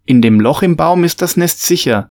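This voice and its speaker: A man's voice: on the high side, lively intonation, moderate pace, darkish tone, voice pushed up. Man voicing a patient, cheerful dad. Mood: explaining. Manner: patient, explaining. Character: friendly father explaining nature to his kids. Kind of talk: storybook reading.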